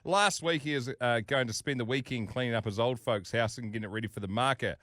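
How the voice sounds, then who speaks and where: A man hosts a radio show and chats casually, telling embarrassing listener stories. His voice sits at an ordinary pitch, and he laughs his way through the punchlines. The sound is close and dry, with no room in it. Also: fast, no echo. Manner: lively, laughing storyteller. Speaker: radio host.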